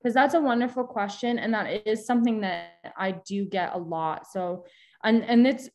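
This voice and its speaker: A young woman guest expert giving a chatty live tutorial over a video call, explaining step by step with frequent restarts. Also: mid-range voice. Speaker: social media guest expert.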